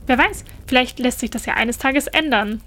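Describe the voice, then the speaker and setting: A woman's voice: sits high, moderate pace, fairly bright tone. A woman voicing a cheerful, clever young male Christmas elf who talks in a breezy, boastful way.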